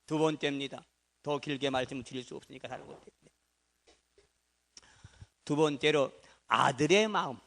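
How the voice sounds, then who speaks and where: A man's voice: medium pitch, normal speed, gravelly, long pauses, fairly bright tone. A man preaching a Sunday sermon as pastor, emphatic and repetitive, acting out the speech of biblical figures. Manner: emphatic preaching, acts out the prophets' words in dialogue. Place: church service.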